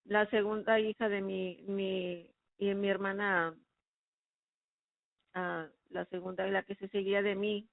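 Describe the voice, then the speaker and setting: A woman's voice: medium pitch, level tone, takes it slowly, vocal fry, no room sound. A woman giving a personal faith testimony, recounting her past in an earnest, emotional way. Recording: phone-like narrow sound, dry.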